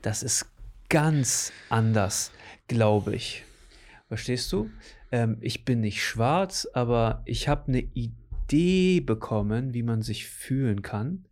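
A man chatting casually in a relaxed, slangy way, full of fillers and "you know what I mean" tags. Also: mid-range voice, slow pace. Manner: relaxed, slangy, lots of fillers and tag questions. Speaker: conversation partner. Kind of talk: casual chat.

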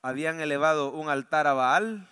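A man with a Salvadoran Spanish accent preaching a sermon in church, telling a story softly, then rising to loud, fervent exhortation. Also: on the high side, normal speed, clean tone. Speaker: pastor. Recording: long hall reverb.

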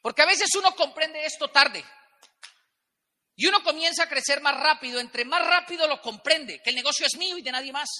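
A man's voice: very high voice, fairly quick, bright, forceful tone. Man preaching business in an echoing hall. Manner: emphatic, rhetorical questions, acts out little dialogues. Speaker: motivational business speaker. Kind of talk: motivational stage talk. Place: large event hall with a live audience. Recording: long hall reverb.

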